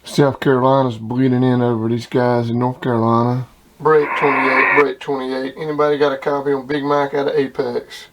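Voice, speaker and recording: A CB radio operator and video host chats casually in plain-spoken radio lingo, offering CB chat and commentary. His medium-pitched voice moves little and keeps a moderate pace. The recording is clearly noisy, with radio hiss and clicks in the background.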